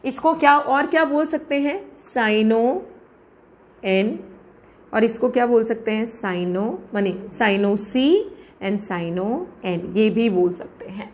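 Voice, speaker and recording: High-voiced woman teaching chemistry. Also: slow. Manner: asks questions and answers them herself, calls students "beta". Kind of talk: lecture.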